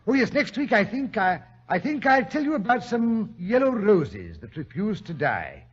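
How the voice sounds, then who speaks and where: Fussy british doctor, highish husky voice, bit flustered, old muffled radio drama. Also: male voice, big pitch swings, normal speed, faint music behind, full character voice. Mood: musing. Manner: hesitant, fussy, genteel. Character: genteel, flustered British doctor, loyal storyteller. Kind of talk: 1940s radio acting. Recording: dull lo-fi old radio recording.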